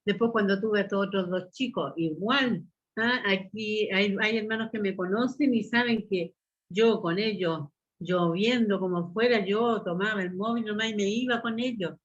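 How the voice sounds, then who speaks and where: A woman's voice: mid-range voice, normal speed. A woman with a Chilean Spanish accent giving a personal testimony at a church meeting, telling her story and calling her listeners brothers and sisters. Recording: muffled lo-fi recording.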